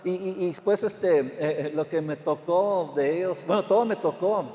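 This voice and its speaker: A man's voice: sits high, normal speed, mellow, reverberant, long reverb tail. An older man, a pastor, telling a story in a sermon with frequent amens and repeated words. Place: church.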